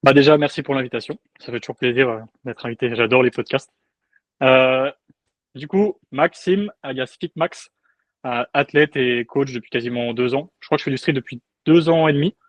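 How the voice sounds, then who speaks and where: A man's voice: medium pitch, normal speed, no echo, lo-fi sound. A young adult man, a guest coach, chatting in a laid-back, joking way on a podcast. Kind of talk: casual podcast chat.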